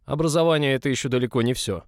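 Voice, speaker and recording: A man voicing a huge, rude male boss who talks in a gruff, mocking and loud way. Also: on the low side, animated, a little fast, no echo, clean studio sound. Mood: scornful.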